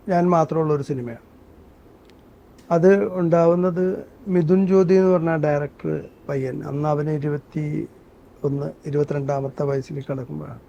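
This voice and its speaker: A man's voice: a little high, gravelly, warm tone. A man, a guest telling stories in an interview. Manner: earnest storytelling, breaks into song. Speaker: interview guest, actor and singer. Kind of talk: conversational interview with sung excerpts. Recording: dull muffled sound.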